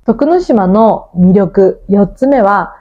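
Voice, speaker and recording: A woman from Tokunoshima, hosting a Japanese listening-practice lesson, explaining things clearly and often asking her listeners questions. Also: medium pitch, animated, slow pace, phone-quality sound. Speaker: Japanese teacher and podcast host.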